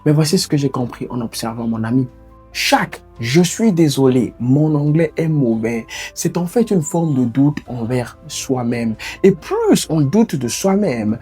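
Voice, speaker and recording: A man talks straight to camera in a motivational video lesson, encouraging his viewer and pressing his point. His voice is warm and dark, with a husky grain to it. Faint music plays softly behind him. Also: mid-range voice. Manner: speaks directly to the viewer, encouraging and insistent. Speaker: online English coach.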